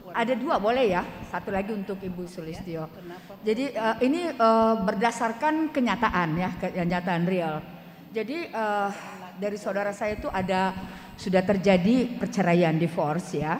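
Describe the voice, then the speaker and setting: A woman's voice: medium pitch, normal speed. A woman from the audience putting a question to the speakers, careful and hesitant. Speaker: audience member asking a question. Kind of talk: question from the floor at a talk. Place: church hall. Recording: echoey hall with long reverb.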